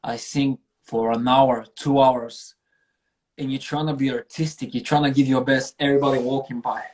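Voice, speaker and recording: The speaker is a Bulgarian man, a singer and street performer, guesting casually in an interview and telling stories. His medium-pitched voice is steady and darkish at normal speed, and his telling is earnest and emphatic, sprinkled with slang and some swearing.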